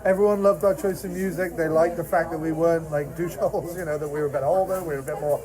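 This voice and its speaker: A man with a slightly high voice chats casually in a diner. He is talkative and agreeable, with a clear bustle of other customers around him. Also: steady tone, quick pace, rough recording. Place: inside a busy diner. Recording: busy diner chatter behind the voice. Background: crowd chatter.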